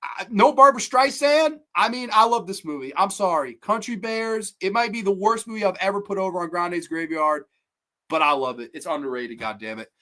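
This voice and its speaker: Profane, excitable movie-review host. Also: medium pitch, moderate pace. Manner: enthusiastic, profane, rambling, with frequent restarts; reads viewer comments aloud. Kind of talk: casual live-streamed movie review.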